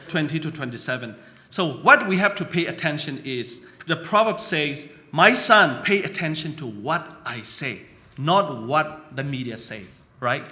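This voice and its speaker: Man preaching a sermon, bright and a bit high, chatty and keeps checking in with listeners. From Burma. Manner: conversational, often adds "you know" and "right?".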